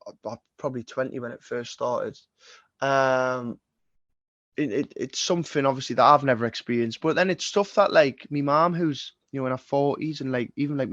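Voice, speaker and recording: A man's voice: medium pitch, no room sound, muffled recording. A man in his twenties with a Geordie accent, a singer-songwriter talking as a podcast guest in a casual, rambling way, full of swearing and restarts. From Northeast England. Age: 20s.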